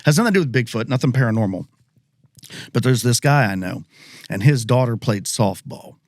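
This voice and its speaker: Podcast guest, male, casual yarn-spinner, mid pitch, dry close mic. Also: brisk, no room sound. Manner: animated, acts out quoted people; casual, mild swearing. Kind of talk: casual storytelling.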